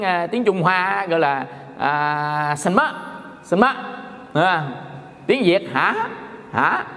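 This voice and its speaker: A man's voice: on the high side, a bit bright. A middle-aged man from Vietnam, a Buddhist monk giving a folksy, joking dharma talk in which he acts out quarrels. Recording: long hall reverb.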